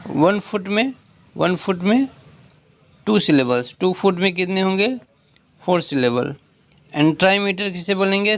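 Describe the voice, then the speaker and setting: Slow, gravelly male teacher. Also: fairly high pitch, a bit bright, dry recording. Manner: explains slowly, repeats points, reads English lines then explains in Hindi. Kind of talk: exam revision lecture.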